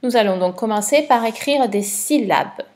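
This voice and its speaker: A woman's voice: fairly high pitch, expressive, moderate pace, darkish tone. A woman teacher giving a patient dictation lesson for a child, spelling letters and syllables one by one.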